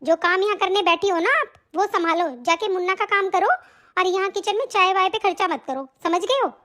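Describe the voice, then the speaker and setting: A woman's voice: very high voice, a little fast, pushed and bright. A woman playing a stingy, harsh young daughter-in-law who scolds and threatens her mother-in-law. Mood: scolding. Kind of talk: hobby family-drama acting.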